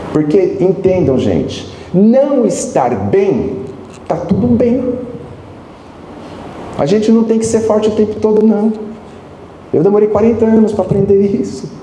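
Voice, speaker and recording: A Brazilian man in his forties giving an emotional storytelling lecture at a spiritist center, with long pauses. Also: sits high, animated, mellow. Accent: Brazilian Portuguese. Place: large hall. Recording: echoey hall, faint noise.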